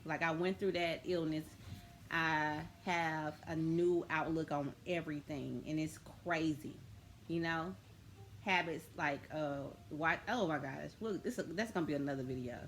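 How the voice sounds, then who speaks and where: A woman's voice: sits low, unhurried. A woman talks casually to her viewers. She rambles, restarts and fills gaps with "um" and "like". A faint hum sits behind her voice. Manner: rambling, chatty, with many fillers and restarts. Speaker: vlogger. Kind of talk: casual spiritual vlog talk.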